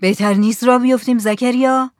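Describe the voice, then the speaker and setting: A reader voicing a practical male fisherman who speaks briskly. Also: mid-range voice, steady tone, no room sound, clean studio sound, voice pushed up, natural voice.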